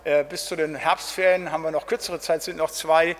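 Middle-aged male pastor, chatty Bible teacher, light-pitched voice, long echo of a church hall. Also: level tone, brisk, fairly bright tone. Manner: casual, with tag questions "ne?" and "halt". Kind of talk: spoken Bible study talk.

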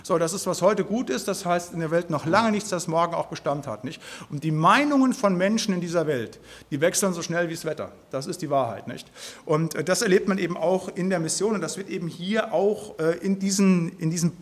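A man's voice: high voice, expressive, a little fast. A man giving an informal Bible teaching, earnest and emphatic, tagging his sentences with "halt, nicht?". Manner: speaks in a loose spoken style, tags sentences with "halt, nicht?". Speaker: preacher.

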